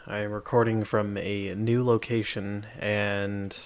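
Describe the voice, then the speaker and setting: A man's voice: on the low side, little pitch movement, measured pace, clear, resonant tone. A man co-hosting a podcast in casual, rambling chat, recorded in a bare room that makes him sound echoey. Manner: easygoing, rambling, joking asides. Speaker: podcast co-host. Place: bare, empty room with only a desk.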